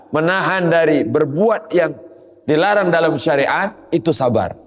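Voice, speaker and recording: A man's voice: a little high, in a large hall. A man giving an Islamic sermon, moving between quoted Arabic and explanation with rising emphasis. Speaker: preacher.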